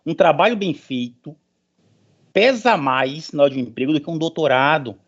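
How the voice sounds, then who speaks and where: A middle-aged man, a professor, addresses an online meeting at a moderate pace in a voice on the high side. He sounds informal and motivational, leaning on repeated phrases for stress, captured through dull lo-fi call audio.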